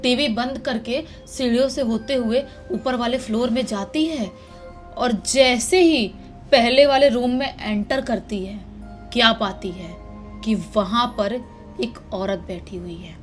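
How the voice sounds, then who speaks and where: Woman horror narrator; dramatic, suspenseful, slightly high, soft music bed. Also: unhurried. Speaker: horror storyteller. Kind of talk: told horror story narration.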